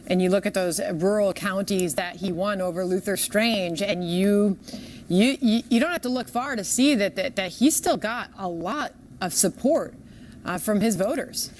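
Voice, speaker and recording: Woman news anchor doing a live interview, medium pitch, bit of noise behind. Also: moderate pace, a little mellow. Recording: faint background noise.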